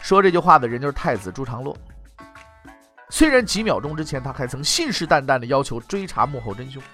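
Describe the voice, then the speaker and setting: Wry animated male storyteller. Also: medium pitch, a little fast, soft background music. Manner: wry, mocking asides with playful tags. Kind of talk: traditional comic storytelling.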